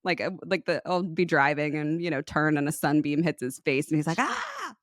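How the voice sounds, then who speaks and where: A woman co-hosting a podcast in casual conversation, an animated storyteller who laughs often. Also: deep voice, a little fast, no echo, studio quality. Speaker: podcast co-host.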